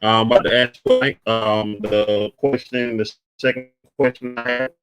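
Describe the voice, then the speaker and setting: A man hosting a casual livestream call, talking haltingly with many fillers and restarts while he sorts out the connection. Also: medium pitch, steady tone, music in the background, rough recording. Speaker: livestream host.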